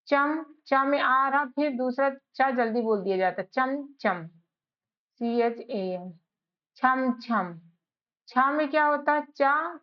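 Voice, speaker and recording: Slow Hindi-accented woman teacher spelling words. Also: high voice. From India. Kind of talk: spelling lesson, spelling out letters. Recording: dull lo-fi sound.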